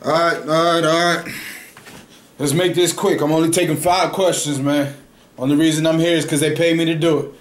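A man's voice: on the high side, fairly even intonation, fairly quick, slight background noise. A young man in a mock press conference, playing a coach who gives cocky, defensive, rambling answers into a close studio microphone in a small room. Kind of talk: comedic parody press conference. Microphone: large studio microphone close up.

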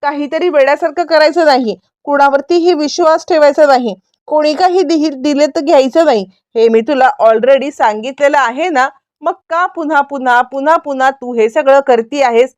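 A woman's voice: high voice, normal speed, hardly any pauses, a little mellow, no echo, lightly acted. A woman voicing an anxious, scolding young mother in a serial recap. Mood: worried. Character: worried protective young mother.

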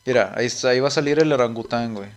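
A man's voice: medium pitch, very fast, faint music behind. A young man with a Mexican accent streaming a game and chatting casually, rambling and swearing a lot, saying "güey" constantly. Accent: Mexican Spanish. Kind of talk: casual chat while gaming on a live stream.

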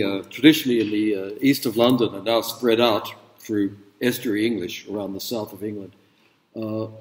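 A man's voice: medium pitch, a little mellow. A middle-aged man giving a casual university lecture to students, chatty, with filler words and rhetorical questions. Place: large lecture hall. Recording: echoey hall, speaker away from mic.

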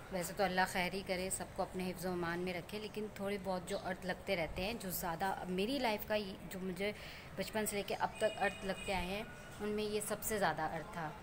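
A woman from Pakistan chats with her vlog audience outdoors on a rooftop, telling a story and showing them around. Her voice sits at an everyday middle pitch. A clear layer of outdoor noise runs behind her. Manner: chatty, storytelling, pointing things out to viewers. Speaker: vlogger. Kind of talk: casual vlog chat.

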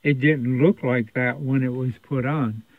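A man with a medium-pitched voice rambles conversationally while narrating a repair video at his workbench, unscripted and casual, as a radio repair technician. He talks a little slowly with fairly even intonation. The setting is an indoor electronics repair shop, and the dry recording sounds thin, like a phone.

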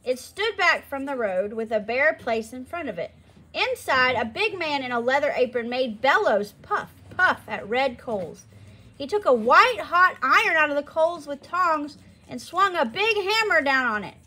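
A woman reads a children's novel aloud with expressive storytelling. Her voice sits high and bright, and her pitch moves a lot. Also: normal speed. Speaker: storybook reader.

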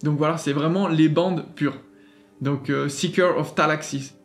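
A man's voice: a little high, steady tone, measured pace, faint music behind. Chatty French-speaking man, upbeat. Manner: chatty, enthusiastic, many fillers and restarts. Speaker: gaming channel host. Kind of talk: casual screen walkthrough.

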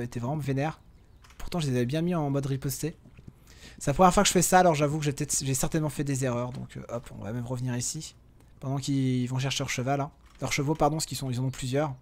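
A man giving casual let's-play commentary as a gaming video host, chatty and often correcting himself as he talks to viewers and his in-game companions. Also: on the high side. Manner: drops to a hushed voice while sneaking.

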